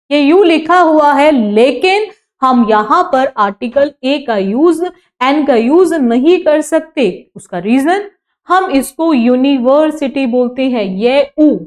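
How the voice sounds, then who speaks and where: Young indian woman, high voice, teaching grammar, keeps asking the class "clear?", drags out example words. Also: a little mellow. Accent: Indian English. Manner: repeats questions and calls for answers from the class; stretches words slowly when modeling sounds. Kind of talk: classroom lecture to students.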